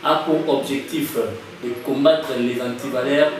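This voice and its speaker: A man's voice: medium pitch, fairly even intonation, a little slow. A young man from Kinshasa with a Congolese French accent, answering interview questions hesitantly with many restarts and fillers, slipping into Lingala. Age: young adult. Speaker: guest, association president. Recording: very echoey room, far from the mic, light noise.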